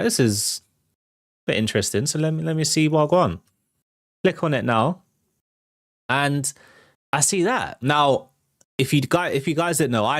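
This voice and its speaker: A man hosts a live entertainment news show as casual livestream commentary, chatting conversationally and speaking directly to his viewers. His voice is medium in pitch, and the recording is dry, with clean studio sound.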